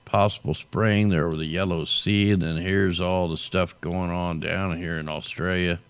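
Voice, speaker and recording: A low, steady voice with a clean tone, recorded dry and delivered at normal speed. The host, weary and losing his voice, chats loosely through weather commentary over satellite maps, regularly drawling "man" at the close of a line.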